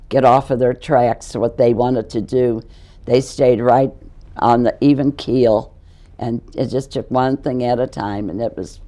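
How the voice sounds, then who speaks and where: Elderly woman in her nineties, hoarse, gravelly fry, mellow dark tone, halting recollection. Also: a bass voice. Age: 90s. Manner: halting, repeats words while recalling. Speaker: interview guest. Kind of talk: casual reminiscing interview.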